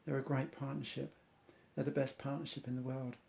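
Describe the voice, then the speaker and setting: Gravelly, flat-voiced man. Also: mid-range voice, fairly quick. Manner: earnest, speaks in loose rhymes. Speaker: amateur athlete. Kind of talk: reciting an inspirational rhyming monologue.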